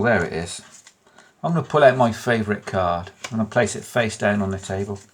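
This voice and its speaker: A man's voice: on the low side, a little hiss or hum. A man presenting a card trick tutorial in an informal, chatty way, with self-deprecating muttered asides to himself.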